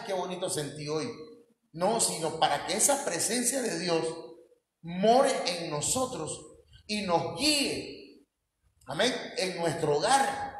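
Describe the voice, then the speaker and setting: A man with a Mexican Spanish accent preaching a sermon in a folksy, joking way and putting questions to the congregation. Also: high voice. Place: church hall. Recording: echoey church hall with long reverb.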